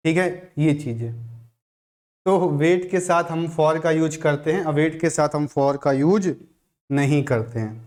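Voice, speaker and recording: A man teaching a grammar lesson for exam students. His voice sits a little high and he talks slowly. He goes over each rule again and again as he explains it. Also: a little mellow. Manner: slow, repetitive explaining, restating each rule.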